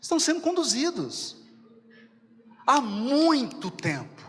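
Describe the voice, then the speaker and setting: A man with a Mineiro Brazilian accent giving a spiritual lecture, animated and acting out little dialogues as he talks to his audience. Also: very high-pitched, slow, long reverb tail. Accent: Mineiro Brazilian Portuguese. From Minas Gerais, Brazil. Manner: animated, acts out dialogues, addresses the audience directly.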